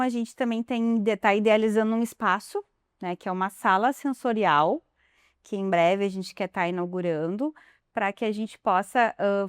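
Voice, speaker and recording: Conversational woman health worker, smooth voice. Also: medium pitch, no room sound, studio quality. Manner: conversational, with frequent fillers. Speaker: health worker and former teacher. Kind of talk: interview answers.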